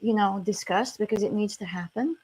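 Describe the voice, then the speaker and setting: A woman's voice: medium pitch, a little fast, a little mellow, slightly rough. A middle-aged woman from France with an American accent, a therapist talking frankly and reassuringly in a casual interview, with many "you know" fillers. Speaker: sex therapist guest.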